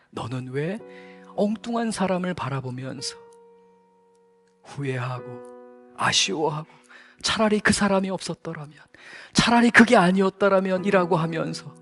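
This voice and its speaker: A pastor voicing God during a sermon, speaking slowly in a hushed, grave tone. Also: male voice, on the high side. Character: solemn divine male voice of God, stern yet loving.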